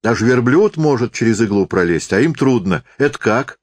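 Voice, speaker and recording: A man's voice: mid-range voice, lively intonation, moderate pace, no echo, pitched above the performer's own voice, natural voice. A man reading a story voices a musing, questioning peasant man. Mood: puzzled, musing.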